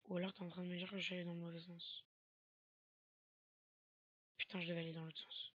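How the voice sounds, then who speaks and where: A woman giving let's play commentary on a horror game, swearing a lot and breaking into panicky shouts. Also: on the low side, little pitch movement, fast talker, no room sound, dull audio. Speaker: gamer playing a horror game.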